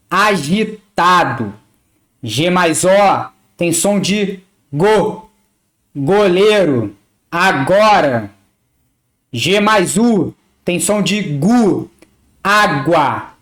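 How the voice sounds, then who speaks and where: Woman teacher, Rio accent, very slow and deliberate, lively pitch, spelling out letters and words one by one. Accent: Rio de Janeiro Portuguese. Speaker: language teacher. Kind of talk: slow, careful pronunciation lesson.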